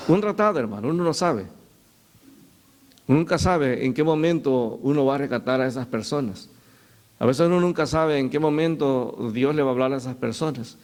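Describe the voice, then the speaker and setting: A middle-aged man preaching a sermon as pastor, telling stories and calling his listeners "brother". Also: fairly high pitch. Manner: storytelling, addresses listeners as "hermano".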